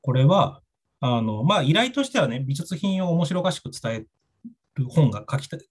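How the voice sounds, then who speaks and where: A man chatting casually as a podcast guest, telling stories in a lively, self-mocking way with frequent laughs. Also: on the high side, moderate pace, husky. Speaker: guest author and art teller.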